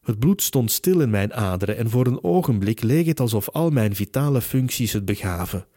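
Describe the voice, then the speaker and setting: A man narrating a first-person novel in a measured, steady storytelling manner. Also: mid-range voice, dry recording, studio quality. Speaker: audiobook narrator.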